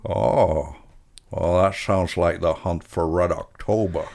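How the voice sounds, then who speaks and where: A man co-hosting a podcast in casual chat, halting with restarts and chuckles. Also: deep voice, gravelly, a little mellow. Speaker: podcast co-host.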